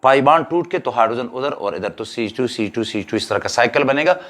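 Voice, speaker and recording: A man's voice: mid-range voice, expressive, fairly quick, a bit bright. A man, giving a chemistry exam-prep lecture and explaining each step while mixing in English terms. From Pakistan. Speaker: chemistry teacher.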